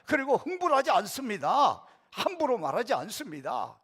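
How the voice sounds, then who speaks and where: A middle-aged man preaches in a church with a husky voice. His pitch sits high for a man and swings widely as he talks straight to the congregation. He acts out imagined retorts in a conversational way. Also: wildly swooping pitch, moderate pace, fairly bright tone. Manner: addresses congregation directly. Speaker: pastor. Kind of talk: sermon. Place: church sanctuary.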